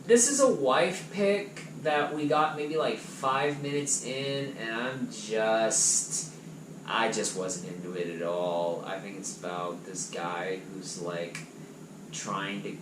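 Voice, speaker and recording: A man chatting casually and enthusiastically as he reviews movies from his collection on a vlog, his loudness swinging up and down. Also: lowish voice, slow pace. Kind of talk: casual chat. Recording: echoey room with background noise.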